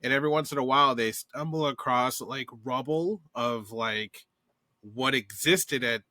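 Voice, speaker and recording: Guy rambling on a podcast, lots of likes, bright sharp voice, dead dry room. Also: medium pitch, measured pace, no echo. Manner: rambling, full of "like" fillers. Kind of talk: casual chat.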